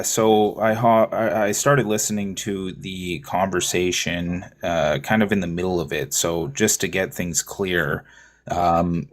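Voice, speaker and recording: A man in his thirties from Canada calling in to debate, measured and challenging. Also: deep voice. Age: 30s. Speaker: caller. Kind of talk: call-in debate.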